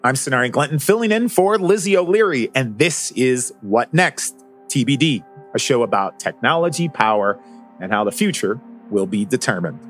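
A man's voice: mid-range voice, lively intonation, moderate pace, fairly bright tone, soft background music. A man narrating a scripted podcast as its host. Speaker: guest host.

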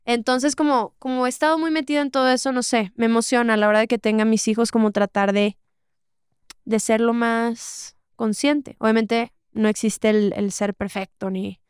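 Young mexican woman from monterrey, crisp dry close sound, chatty guest. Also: on the high side, steady tone, moderate pace, dry recording. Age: 20s. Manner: thoughtful, lots of fillers like "o sea" and "¿sabes?". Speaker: guest, singer. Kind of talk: casual interview chat.

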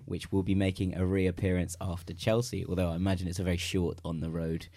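A man's voice: sits low, flat delivery, fast talker, warm tone. A man hosting a football fan podcast, chatty and jokey as he reads plugs and gives opinions. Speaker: podcast host. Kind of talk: casual fan podcast chat.

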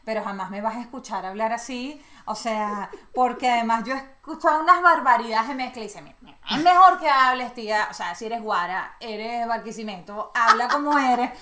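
Venezuelan woman guest, bright and a bit high, animated storyteller, roomy echo. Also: normal speed, hardly any pauses. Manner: lively storyteller who acts out quoted lines. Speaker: guest journalist. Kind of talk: casual interview chat.

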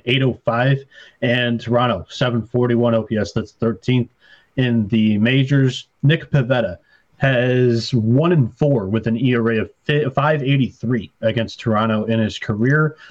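A man co-hosting a betting podcast through a slightly muffled, lo-fi mic. His pitch is middling, and he works through numbers and records in a measured, steady way. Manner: rattles off stats in a measured way. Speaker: podcast co-host. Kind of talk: casual sports betting chat.

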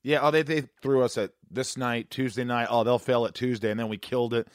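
A man from Indiana, an actor interviewing a fellow actor in a quick, chatty, joking way. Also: mid-range voice, steady tone, smooth, no room sound, studio quality. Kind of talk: casual interview conversation.

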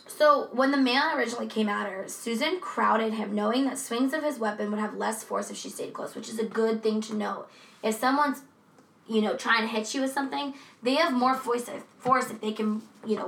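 Casual true crime co-host, woman, gravelly voice pitched a bit high, roomy echo. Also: normal speed, recorded from a distance. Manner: chatty, profane, animated asides. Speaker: podcast co-host.

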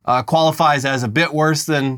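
A man's voice: a little high, steady tone, moderate pace, a bit bright, clean tone. A man co-hosting a comedy podcast, ranting in mock outrage with sarcastic asides, then dropping to mumbles. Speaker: podcast co-host. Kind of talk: comedic political banter.

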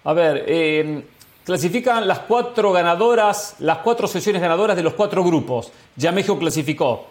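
A man's voice: high voice, animated, normal speed. A man speaking as a football pundit on a talk show, explaining things methodically step by step. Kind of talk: explanatory sports analysis.

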